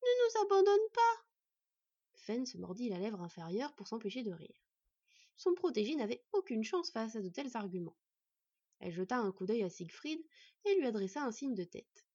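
A woman reading a fantasy story aloud in an expressive storytelling manner. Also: a little high, moderate pace, slightly rough, no echo. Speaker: audiobook reader. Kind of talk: scripted fantasy narration. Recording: dull lo-fi recording.

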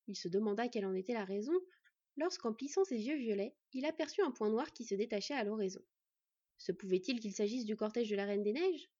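A woman narrating a fantasy story in an even, measured reading. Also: fairly high pitch, husky, no room sound. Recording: dull, dry recording.

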